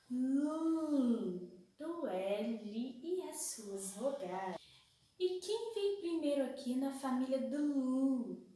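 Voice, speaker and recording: A Brazilian woman teaching young children a phonics lesson, asking slow sing-song questions and stretching out syllables. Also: high voice, darkish tone, heavy reverb, distant mic, poor audio. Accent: Brazilian Portuguese.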